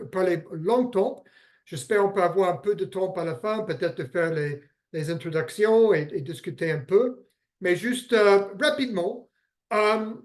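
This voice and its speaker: American guy presenting in french on a video call, higher voice, lots of euhs. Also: darkish tone. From United States. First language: English. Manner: halting, many fillers and restarts. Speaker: guest speaker. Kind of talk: online business presentation.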